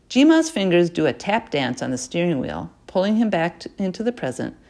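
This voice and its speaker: A woman reads a chapter book aloud in an expressive storytelling voice. Her tone sits a little low, and she drops softly into her asides. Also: creaky. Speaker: narrator. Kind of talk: audiobook reading.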